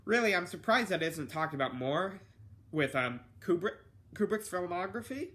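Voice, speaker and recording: A man's voice: sits high, sing-song, moderate pace, pushed and bright. A young man casually reviewing films one after another, rambling and offhand, with many fillers and self-corrections. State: has hiccups. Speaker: film reviewer.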